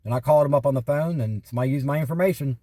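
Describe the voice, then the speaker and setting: This man, calling in about scam calls and identity theft, speaks rapid-fire at a medium pitch with a dark tone. He tells his stories casually, going over the same points, quoting earlier conversations and complaining in exasperation. It's studio-quality audio with no room sound.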